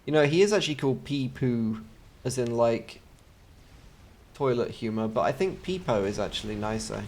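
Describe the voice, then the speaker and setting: A man's voice: medium pitch, expressive, moderate pace, a little mellow, slight background noise. An English man casting a strategy video game in a chatty way, with joking asides between the play-by-play. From England. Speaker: game caster.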